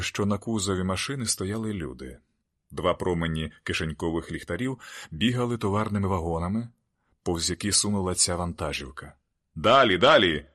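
A man narrating a novel in the first person, reading in an even, measured way. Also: low voice. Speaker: audiobook narrator.

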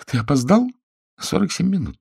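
A man's voice: medium pitch, lively intonation, brisk, gravelly, a little mellow, husky, dry recording, studio quality, pitched above the performer's own voice. A man voicing a beautiful, jealous and bossy alien wife who speaks reproachfully. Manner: reproachful, trembling.

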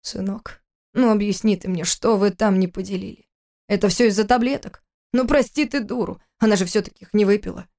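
A woman reading the part of a stern, domineering older father-in-law, gruff and commanding. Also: medium pitch, a little fast, a little mellow, lightly acted. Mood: pleading.

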